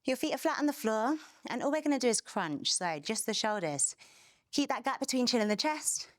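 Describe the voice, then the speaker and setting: A woman's voice: a little high, expressive, fairly quick, dry recording, clean studio sound. A young adult woman leading a barre workout class, energetically counting reps and cueing moves while a little out of breath. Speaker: fitness instructor.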